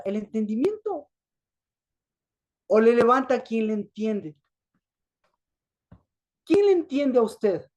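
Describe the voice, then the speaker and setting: Woman preacher, high voice, mellow tone, sermon style with repeated questions to the congregation. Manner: asks the congregation questions and answers them herself; repetitive, emphatic.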